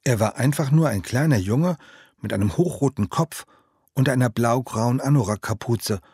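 A man reading his own children's novel aloud in an expressive storytelling manner, recorded as an audiobook. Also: medium pitch, normal speed, husky, no room sound, studio quality. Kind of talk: audiobook narration.

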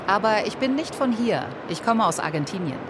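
A woman voicing over an interview as translator, reading calmly and evenly. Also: medium pitch, fairly quick, noisy background.

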